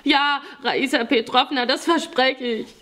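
A woman's voice: high-pitched, unhurried, fairly bright tone, voice pushed up. A woman voicing a frightened fifteen-year-old boy thief who whimpers and pleads, in an audiobook reading. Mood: earnest.

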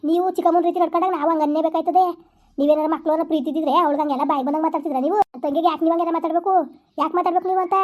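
Woman playing Navya, a rapid-fire scolding sister. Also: very high-pitched, fairly even intonation, a little mellow. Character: fierce protective young elder sister. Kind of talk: village family skit.

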